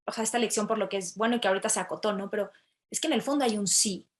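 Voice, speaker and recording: A woman co-hosting a podcast, speaking in an animated and playful way. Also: mid-range voice, racing. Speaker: podcast co-host. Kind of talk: casual podcast chat.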